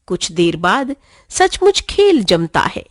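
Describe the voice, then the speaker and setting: A woman narrating a children's story in an expressive, clear way. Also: mid-range voice, takes it slowly, no room sound, clean studio sound.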